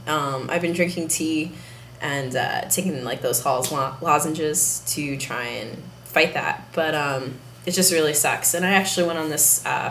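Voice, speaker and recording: A young man talking candidly to camera in a casual video diary, unhurried and soft-spoken. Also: a little high. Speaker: vlogger. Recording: roomy with faint background hiss.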